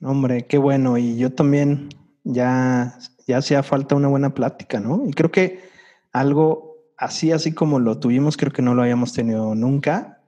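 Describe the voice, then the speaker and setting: A man with a Mexican accent hosting a casual podcast chat, playful and animated. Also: mid-range voice, moderate pace, highs cut off. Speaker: podcast host.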